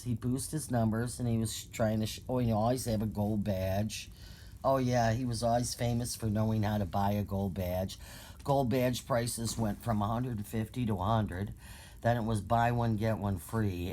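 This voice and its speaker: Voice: medium pitch, dark tone, slight background noise. A streamer in a casual angry rant, profane and mocking, with sarcastic jabs and heated outbursts. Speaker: live-stream ranter.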